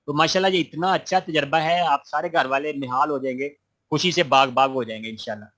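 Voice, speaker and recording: A man's voice: a little high, pushed and bright. A man teaching an online gardening class, reading out students' questions and answering them patiently and encouragingly. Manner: friendly, encouraging, many religious phrases.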